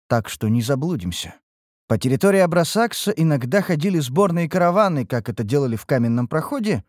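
A man reads a fantasy novel aloud in the first person with a lively, rising and falling delivery. His voice sits a little high, and the recording is dry and close with no room sound. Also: dry recording. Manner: expressive first-person storytelling. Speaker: audiobook narrator. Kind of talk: scripted audiobook narration.

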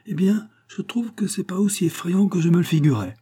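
A man's voice: high-pitched, fairly quick, dark tone, husky, voice pushed up. A man voicing a naive, eager young man who talks in a boyish, plain way. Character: naive young man after his first battle.

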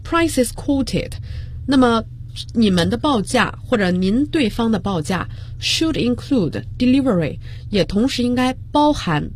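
A woman teaching business English on a radio lesson, explaining slowly and spelling words out letter by letter. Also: mid-range voice, darkish tone, a little hiss or hum. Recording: broadcast studio.

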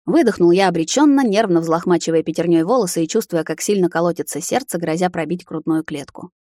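A woman's voice: lowish voice, fast talker, warm tone, no echo. A woman narrating a fantasy romance novel in a dramatic first-person reading on a close mic. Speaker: audiobook narrator. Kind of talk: scripted narration.

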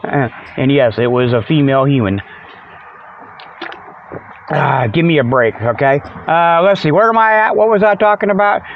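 An American man with a voice on the high side hosts a comic Sasquatch show, rambling through a casual, folksy, meandering monologue full of joking asides. He talks at a normal speed with long pauses. The recording is close, dry and lo-fi like dull radio, with slight background noise.

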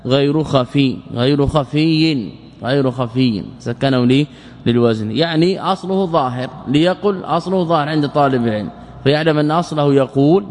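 A man's voice: mid-range voice, a little mellow, long reverb tail. A man teaching a classical Arabic grammar lesson as an Islamic scholar, explaining step by step and repeating words and verse lines.

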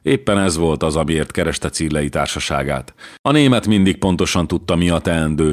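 A man narrating a historical novel as an audiobook, in a measured storytelling manner. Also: a bass voice. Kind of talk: scripted narration.

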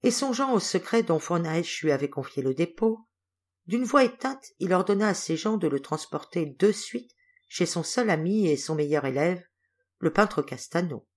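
A woman reads a classic novel aloud in a measured, expressive way. Her voice sits a little low for a woman, and she paces the storytelling with care. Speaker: audiobook reader. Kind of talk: literary audiobook narration.

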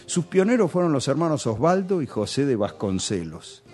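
A radio storyteller with a Rioplatense Spanish accent reminisces in a chatty way, using local slang. His mid-range voice is sing-song, slightly mellow and slightly rough, at a normal pace.

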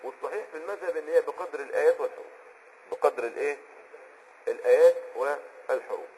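A man with an Egyptian accent teaching Islamic jurisprudence in a conversational explanatory lesson, often pausing on a filler word while he hunts for a term and checking that the listener is following. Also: a little high, dark tone, slight background noise, low-quality recording. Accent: Egyptian Arabic. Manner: checks on the listener with quick asides.

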